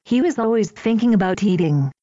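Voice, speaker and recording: A woman reading an old children's story aloud in a gentle, even storytelling manner. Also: mid-range voice, a little fast, dry recording. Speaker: audiobook reader. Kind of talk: storybook narration. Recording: dull, dry lo-fi recording.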